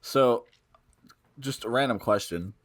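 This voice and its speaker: A man's voice: mid-range voice, slow pace. A young man chatting casually in a laid-back way, swearing now and then. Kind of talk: casual chat.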